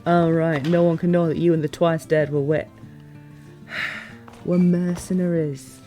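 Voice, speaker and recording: Speaking a little slowly, a woman plays a teasing, playful fantasy monarch in an immersive audio roleplay, reflective and candid in mood. Her voice is fairly low for a woman, her wording formal but expressive, with soft music underneath.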